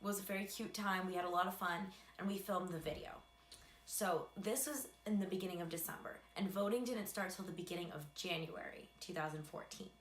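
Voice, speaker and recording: A woman's voice: lowish voice, brisk. A young adult American woman telling a casual personal story in a chatty, self-deprecating way with dry asides. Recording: echoey room with faint background hum.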